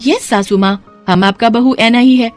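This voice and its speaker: A woman voicing a naive young foreign bride who speaks broken, ungrammatical Hindi in a high, childlike voice. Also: measured pace, darkish tone, faint music behind, close to an everyday voice. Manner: broken Hindi grammar, wide-eyed.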